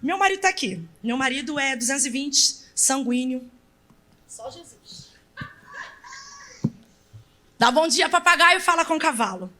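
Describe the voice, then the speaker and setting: Woman preacher, Brazilian accent, high voice, bright tone, animated storytelling sermon, sudden shouts. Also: a little slow, long pauses. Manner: animated storytelling, acting out family members, bursts of shouted emphasis. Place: church sanctuary.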